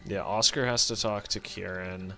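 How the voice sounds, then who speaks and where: Male let's play host, low and gravelly with a forceful edge, rambling and profane, faint game music under. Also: fairly even intonation, moderate pace. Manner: thinks aloud, rambling and self-correcting, swears casually. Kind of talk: casual gameplay commentary.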